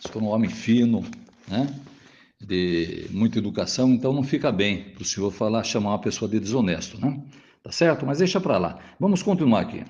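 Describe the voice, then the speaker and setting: A Jehovah's Witness responds to a pastor in a recorded monologue, his lowish, slightly mellow voice animated and fairly quick. He keeps a formal tone toward the listener, often ends sentences with "né?", and reads out scripture, all on dull, lo-fi audio.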